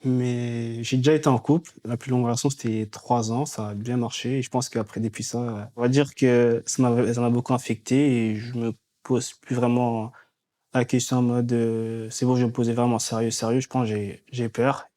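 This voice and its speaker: A young man, talking casually and candidly in a relaxed, slangy way. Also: medium pitch, moderate pace. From France. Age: 20s. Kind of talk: casual conversation.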